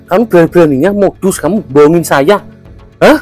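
A man's voice: on the high side, fairly quick, a little mellow, soft background music. A man acting an angry father in a village drama, scolding and indignant. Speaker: village head candidate, father.

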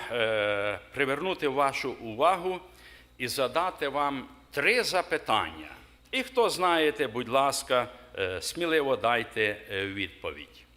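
A man's voice: medium pitch, sharp tone. A middle-aged man preaching a sermon in a church, stopping to ask the congregation questions and leaning hard on key words. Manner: asks the congregation questions, emphatic pauses. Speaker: pastor. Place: church hall.

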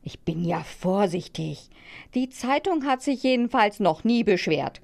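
A woman's voice: mid-range voice, lively intonation, measured pace, creaky, a little mellow. Woman voicing a grumbly helpful dog, easygoing, storybook.

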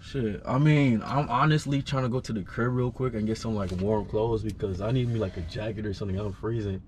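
Give me a fast-talking young man from Trinidad hosting a street prank, smooth and persistent with slang. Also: lowish voice, fairly even intonation, darkish tone, slight background noise.

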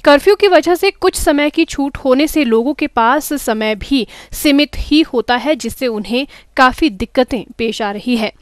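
A young woman with an Indian accent reading a scripted news report in a formal, measured way, as a news anchor. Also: high-pitched, expressive, dry recording. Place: studio.

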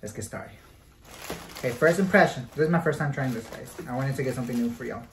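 A man chats casually while hosting an eating video with friends. He talks in a relaxed, slangy way and drops in Spanish words. His voice sits at a middle pitch, and the room adds a roomy echo. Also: fast, slight background noise. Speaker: host. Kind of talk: casual mukbang chat.

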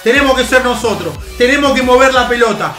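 High-pitched Argentine man hyped over a game. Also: animated, fast. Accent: Argentine Spanish. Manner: playful, talks to players like a coach, yells at goals. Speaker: gaming youtuber. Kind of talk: excited gameplay commentary. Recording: echoey room with music behind.

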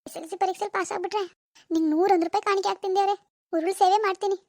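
Cartoon village teen girl, rural Karnataka Kannada accent, dramatic pleader, squeaky high voice, dry studio sound. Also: steady tone, very fast, darkish tone, dry recording. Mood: pleading. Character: anxious teenage village girl awaiting exam results. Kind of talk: cartoon voice acting.

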